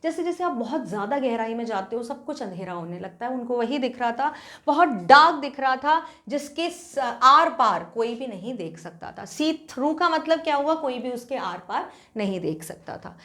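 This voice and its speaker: A woman teacher with an Indian accent, explaining an English story in Hindi and reading the English passages slowly and carefully. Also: a little high, expressive, pushed and bright. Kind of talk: bilingual literature lesson.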